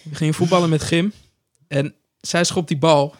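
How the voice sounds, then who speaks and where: A man chatting casually. His voice sits a little high for a man. He tells lively anecdotes and acts out the quotes with laughter. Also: normal speed. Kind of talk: casual chat, storytelling.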